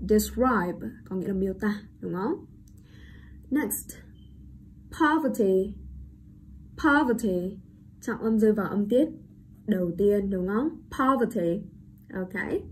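In an online pronunciation lesson, a woman with a Vietnamese accent, a mid-range voice and a dark tone says each English word slowly and repeatedly before explaining it. She keeps checking in with her students, and a faint hiss sits under the audio.

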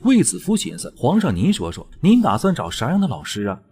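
A man's voice: medium pitch, wildly swooping pitch, brisk, darkish tone, husky. A man narrating a drama recap as joking, colloquial, scripted storytelling commentary. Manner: wry, colloquial, playful.

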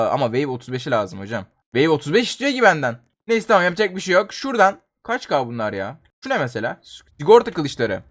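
A young man with a Turkish accent narrates his own gameplay as a channel host. His voice sits high and light, and he talks at a rapid clip. He keeps up constant chatter and breaks into loud, panicked yelling whenever his character gets into trouble. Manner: jumps into loud panicked yelling when dying. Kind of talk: excited Roblox gameplay commentary.

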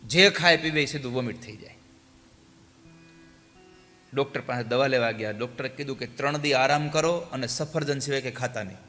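A male preacher telling a devotional story in animated, exhorting sermon style. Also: mid-range voice, normal speed, long pauses. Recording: hall reverb with faint music.

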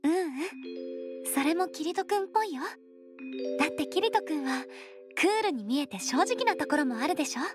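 A woman voicing an affectionate, gently bashful young girlfriend in soft, intimate pillow talk for a Japanese anime game. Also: sits high, lively intonation, a little fast, loud music behind the voice.

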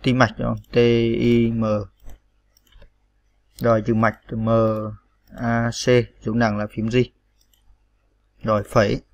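In this step-by-step screen tutorial, a man teaches typing slowly and patiently, naming each key and leaning on frequent fillers. His mid-range voice is monotone with vocal fry and long pauses.

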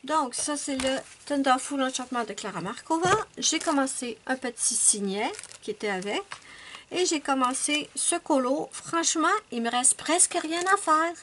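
A woman's voice: high-pitched, fairly bright tone, a little hiss or hum. A woman chatting casually as a coloring vlogger, rambling and correcting herself as she thinks aloud. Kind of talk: casual show-and-tell chat.

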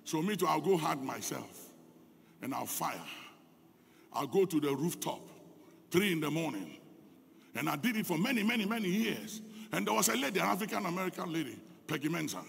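A Ghanaian pastor preaches a fervent sermon in an echoey church hall, his delivery swelling into shouts. His voice is on the high side, slightly rough, with vocal fry.

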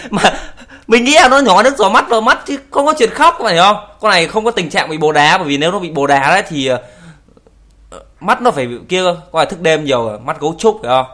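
A young male YouTuber reacts to video clips with a high-pitched, sharp voice, quick pace, and lively intonation. He teases and jokes casually, laughs often, and swears in English.

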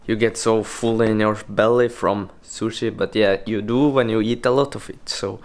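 A young man, a Norwegian native speaker, vlogging casually into a handheld action camera with a relaxed, filler-heavy way of talking. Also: on the low side. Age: young adult. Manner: relaxed, slow, many fillers. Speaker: motocross rider vlogger. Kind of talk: casual vlog narration. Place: home, car and gym.

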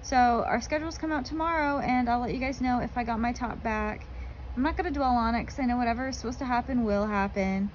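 A woman's voice: on the high side, fast talker, muffled recording. A young woman in her late teens chatting casually to a vlog in colloquial sorority-girl style, saying "like" often. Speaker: vlogger, college freshman. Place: small dorm rooms, indoors. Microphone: phone at arm's length. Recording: noisy handheld phone recording.

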